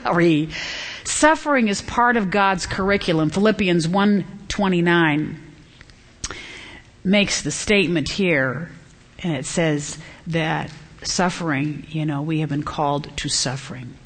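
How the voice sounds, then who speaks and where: Speaking a little slowly, a middle-aged woman gives a Bible lesson to a gathering of women. She is earnest, rising high and emphatic when making a point, and voices quoted children and parents as she goes.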